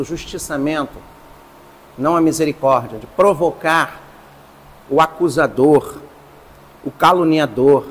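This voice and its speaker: A man, a priest, teaching a class, explaining slowly and stressing each term. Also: fairly high pitch, long reverb tail. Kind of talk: lecture.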